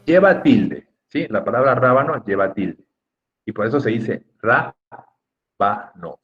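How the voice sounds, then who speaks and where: Male teacher on a lo-fi video call, animated delivery, patient and lightly teasing with students. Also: medium pitch, moderate pace. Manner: patient, drawing out words to stress syllables. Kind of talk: online class instruction. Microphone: computer mic on a video call. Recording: muffled lo-fi video call audio.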